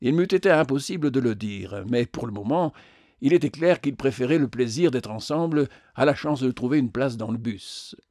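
A man narrating a novel as an audiobook, in a measured reading with occasional hesitations. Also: medium pitch, animated, darkish tone, no echo, clean studio sound.

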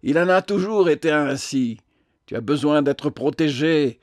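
A man's voice: on the high side, lively intonation, a little slow, darkish tone, dry recording, clean studio sound. A man voicing a theatrical, self-pitying man, with declamatory, sarcastic delivery.

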